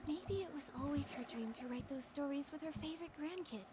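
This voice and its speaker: A woman voicing a kind young heroine in a video game, talking in a warm, reassuring way. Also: high voice, fairly quick, background noise, close to an everyday voice. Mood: comforting. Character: kind, gentle young heroine comforting a friend.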